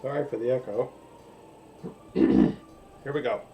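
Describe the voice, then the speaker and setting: A man's voice: mid-range voice, sing-song, takes it slowly, vocal fry, dull audio, slight background noise. Laid-back man with a heavy echo. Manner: repeats mic checks, laid-back. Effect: heavy echo, voice far from the mic. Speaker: game streamer. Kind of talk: casual live-stream chat. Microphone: webcam and microphone.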